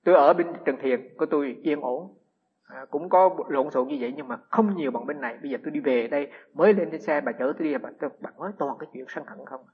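A man, a Buddhist monk giving a humorous storytelling sermon with lively anecdotes and frequent restarts. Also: a little high, quick pace, breathy edge. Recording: echoey hall, dull lo-fi sound.

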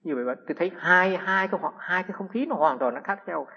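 Husky-voiced monk, fairly high, telling lively anecdotes; dull lo-fi recording. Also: male voice, fast talker. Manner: lively anecdotes with frequent restarts. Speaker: Buddhist monk giving a dharma talk. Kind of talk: humorous storytelling sermon. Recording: echoey hall, dull lo-fi sound.

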